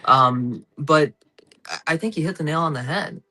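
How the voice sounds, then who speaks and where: A man's voice: fairly high pitch, moderate pace, bright, forceful tone. A man in his thirties hosting a casual political talk show, eager and given to nerdy history digressions with lots of fillers. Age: 30s. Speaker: host.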